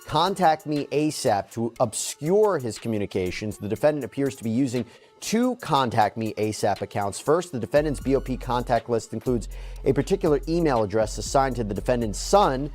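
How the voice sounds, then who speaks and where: Guy reading legal docs as news commentary, really animated mid voice, faint music. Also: mid-range voice, normal speed.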